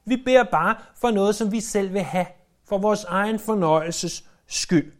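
Guy preaching, pretty high voice, gets loud then drops real quiet. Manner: emphatic, swings between loud stresses and hushed low phrases. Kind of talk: sermon.

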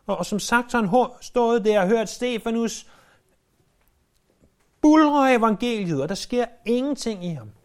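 A preacher delivering a sermon in a lively way, often hesitating and repeating words, and acting out quoted speech with sudden jumps in pitch. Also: long pauses. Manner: frequent hesitation fillers and word repeats.

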